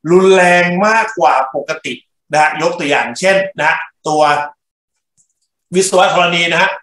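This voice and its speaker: A man's voice: on the high side, fairly even intonation, measured pace, a bit bright. A male engineering lecturer working through problems in class, speaking in short bursts and checking in with his students. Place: lecture room. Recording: echoey classroom.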